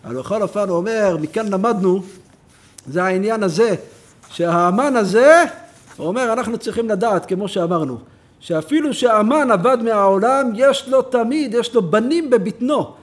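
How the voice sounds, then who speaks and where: A man who is a rabbi, giving a Torah lesson in a synagogue as an animated storyteller who acts out the characters in his stories. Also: high voice. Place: synagogue hall.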